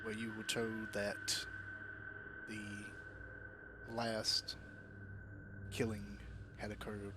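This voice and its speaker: A man from the United States narrating a tabletop game as game master, slow and halting with frequent fillers. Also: fairly low pitch, noisy background.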